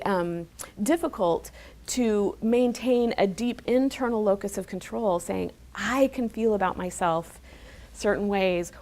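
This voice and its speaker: A woman's voice: mid-range voice, creaky, dark tone. Emphatic woman giving an informal lecture. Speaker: speaker giving a talk on digital life and psychology. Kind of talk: informal public lecture, explanatory.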